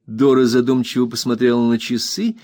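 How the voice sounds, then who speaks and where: Male audiobook narrator, mid-pitched, lively, dry close studio read. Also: no echo. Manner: measured, storytelling. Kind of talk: expressive scripted narration.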